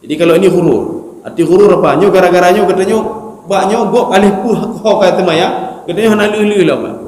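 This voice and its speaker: A male preacher giving a study sermon in a mosque, animated and joking, acting out mumbled recitation. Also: sits high, quick pace. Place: mosque hall. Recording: echoey mosque hall.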